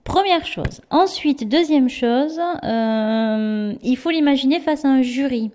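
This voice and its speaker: A woman with a high voice talks through a song she sings in a casual, unscripted way. She hesitates often and fills pauses, speeds up in quick bursts, then drops to a soft trailing murmur. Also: expressive, a little hiss or hum. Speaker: singer explaining her own song. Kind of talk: casual spoken explanation.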